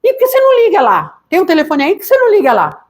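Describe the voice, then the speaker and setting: A woman's voice: very high-pitched, wildly swooping pitch, racing, darkish tone, pitched above the performer's own voice, exaggerated voice. A woman putting on the voice of her blunt female boss, pushy and repeating her commands. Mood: insistent.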